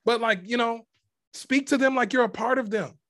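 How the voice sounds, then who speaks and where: A man's voice: very high voice, moderate pace, a bit bright, dry recording, clean studio sound. A man in his twenties, a guest minister, talking about faith in an impassioned, preacherly way with plenty of emphasis. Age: 20s. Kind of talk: casual faith conversation.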